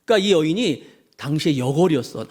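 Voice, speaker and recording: A middle-aged male pastor giving a sermon, telling the story in an animated way and putting questions to the congregation. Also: on the high side, fast, husky.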